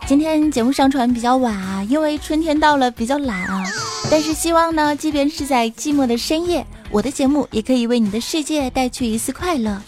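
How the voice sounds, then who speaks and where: A woman hosts a comedy podcast with a high, bright-pitched voice, teasing and joking in an animated way. She narrates the setups of the jokes herself. Music plays clearly behind her the whole time. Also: a little fast. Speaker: podcast host. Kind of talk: comic podcast hosting. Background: background music.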